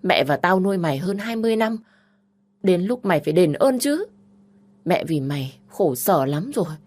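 A woman voicing a bossy older sister who scolds loudly and harshly. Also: fairly low pitch, lively intonation, moderate pace, pitched above the performer's own voice. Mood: furious.

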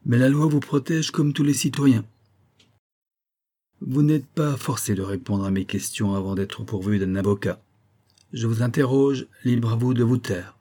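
A man voicing a stern male police prefect, formal and measured. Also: medium pitch, dark tone, natural voice.

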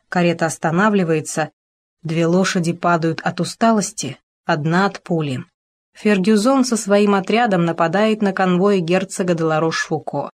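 A woman narrating an audiobook in an expressive, dramatic reading style. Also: lowish voice.

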